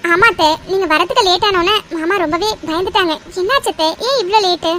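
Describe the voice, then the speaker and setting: A woman's voice: extremely high pitch, fast talker, a bit bright, a little hiss or hum. A woman voicing a caring, questioning young wife in a cartoon drama. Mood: soothing. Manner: soothing, inquisitive.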